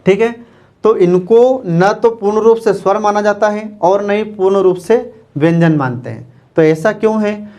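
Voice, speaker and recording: A man's voice: sits high, normal speed, darkish tone. A man teaching an exam-prep grammar lecture, repeating points and answering his own questions. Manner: repetitive, asks the class questions and answers them himself.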